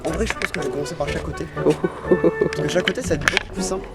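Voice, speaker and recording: A man presents a parkour vlog outdoors in the sunshine, casually commenting in fragments as he thinks aloud while doing stunts. His voice is on the high side, steady and racing, with loud music over it.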